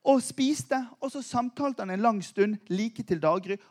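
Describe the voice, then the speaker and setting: High-pitched animated Norwegian pastor. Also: male voice. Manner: animated storytelling with humor, voice surging when excited. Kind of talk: sermon.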